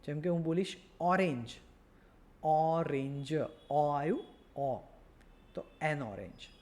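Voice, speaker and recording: A man's voice: a little high, lively intonation, moderate pace. A man with a Gujarati accent teaching a beginner grammar lesson, patiently repeating words and checking understanding. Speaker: English teacher.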